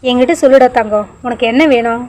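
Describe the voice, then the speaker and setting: A woman voicing a young man who is a gentle, loving father, speaking tenderly. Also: fairly high pitch, fairly even intonation, quick pace, lightly acted. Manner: tender, coaxing.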